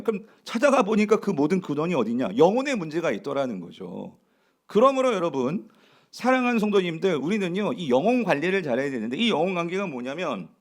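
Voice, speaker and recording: A man preaching a sermon as pastor of a church, emphatic and full of rhetorical questions to the congregation. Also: fairly high pitch. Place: church sanctuary.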